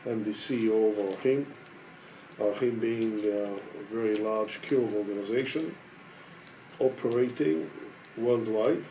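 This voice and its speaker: A man in his sixties from Israel, an organization head telling his personal story in a measured, hesitant way with frequent pauses. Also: fairly low pitch, dark tone, slight background noise, rough recording. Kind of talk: personal testimony.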